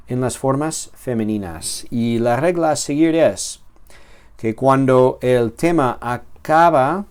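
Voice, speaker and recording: A man teaches a grammar lesson at a slow, steady pace. His voice sits in a middle pitch, and he often pauses on "eh" and "am" while he repeats himself to explain. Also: clear, resonant tone. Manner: slow and explanatory, with fillers and restarts. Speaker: Greek teacher.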